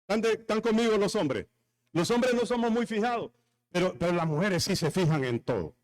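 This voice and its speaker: A man's voice: high voice, lively intonation, a little fast. A man with a Honduran accent preaching a sermon, telling jokes and stories and calling out to the congregation. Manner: jokey, storytelling, talks with the congregation. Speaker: pastor.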